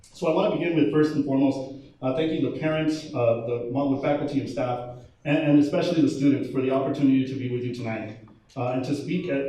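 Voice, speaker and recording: A man's voice: mid-range voice, warm tone. A man from El Paso giving a keynote speech at a school ceremony, with many fillers and restarts. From El Paso, Texas. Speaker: keynote speaker. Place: large echoey hall. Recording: echoey hall from far off, faint noise.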